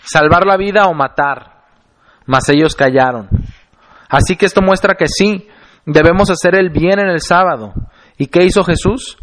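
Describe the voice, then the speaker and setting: Slightly high-voiced male preacher. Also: fairly bright tone. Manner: deliberate, slows down to stress scripture phrases. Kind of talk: sermon reading and explaining scripture.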